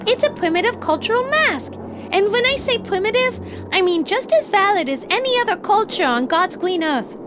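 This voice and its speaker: A woman's voice: very high voice, big pitch swings, normal speed, noisy background. A woman voicing a naive, prim young vampire in a video game, sweet, innocent and dramatic. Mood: curious. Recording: music behind the voice. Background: music.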